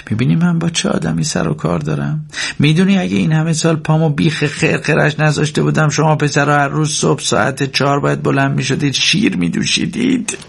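A man's voice: fairly high pitch, fairly even intonation, gravelly, slightly rough, pitched above the performer's own voice, exaggerated voice. Man putting on a scolding widowed farm mother. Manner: sharp, complaining, at times tearful whisper. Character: proud anxious widowed farm mother, middle-aged.

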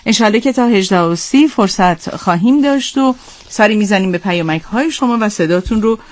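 A woman hosting a radio program, speaking politely with calm patience and a light teasing edge. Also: mid-range voice. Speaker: radio host.

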